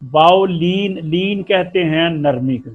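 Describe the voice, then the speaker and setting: A Quran recitation teacher with an Urdu accent gives a tajweed lesson, patiently explaining and drawing out syllables to show how sounds are made. His voice is fairly high and slow, and the audio sounds dull.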